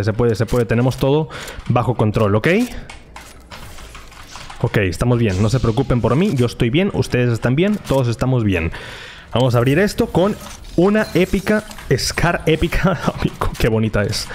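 Excitable Mexican gamer man. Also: mid-range voice, a little hiss or hum. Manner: excitable, talks to his chat, repeats words in bursts. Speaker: gaming streamer. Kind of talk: live gameplay commentary.

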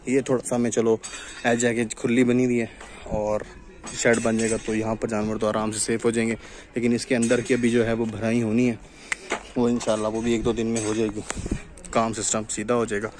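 Young man touring a farm, flat tone. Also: mid-range voice, normal speed. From Pakistan. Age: young adult. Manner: explanatory, steady talk to viewers. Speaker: cattle farm vlogger. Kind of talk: casual walkthrough vlog. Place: outdoors at a farm construction site. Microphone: phone camera, selfie framing. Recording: outdoor noise from tractors and wind.

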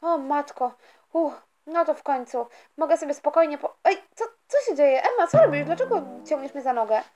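A woman's voice: sits high, expressive, moderate pace, mellow, dull audio. A woman voicing an easily irritated schoolgirl who complains in a flustered way in a toy story voice-over. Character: startled schoolgirl, easily irritated older sister.

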